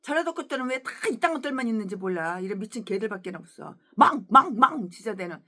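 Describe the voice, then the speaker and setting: A woman pastor preaching a sermon in a fiery, scolding way, full of crude insults, moving between quiet asides and shouts. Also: medium pitch, expressive, fast talker. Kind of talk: expository sermon.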